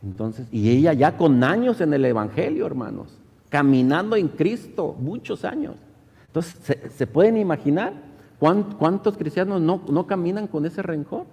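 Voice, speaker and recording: Middle-aged male pastor, mellow raised voice, sermon in a church hall with long reverb; voices the people in his stories. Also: expressive, normal speed, vocal fry, husky. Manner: storytelling, acts out quoted voices with rising pitch.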